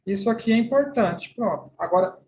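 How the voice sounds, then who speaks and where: A man with a Brazilian Portuguese accent teaching a sign language class, explaining deliberately with repeated examples. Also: high-pitched, expressive, a little mellow, slight background noise.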